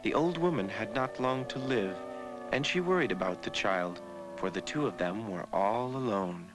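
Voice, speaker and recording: A man narrating a scripted fairy tale as a measured storyteller. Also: lowish voice, expressive, over music, rough recording.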